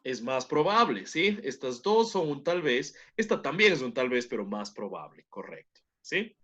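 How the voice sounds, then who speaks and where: A man's voice: medium pitch, big pitch swings, normal speed, a bit bright, slightly rough. A man teaching an online class, explaining a point step by step and often checking in with his students by asking questions. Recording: dull lo-fi online class audio.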